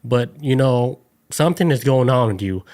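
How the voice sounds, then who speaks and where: A man co-hosting a casual podcast, spinning a story loosely and dropping "like" between every phrase. His voice sits at an ordinary middle pitch, and he slips into quick put-on voices for the people in his tale. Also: expressive, darkish tone. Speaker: podcast co-host. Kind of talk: casual chat.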